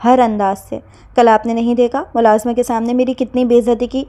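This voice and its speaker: A woman's voice: a little high, level tone, warm tone, close to an everyday voice. Woman voicing a tearful young heroine. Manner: shaky, protesting, on the verge of tears.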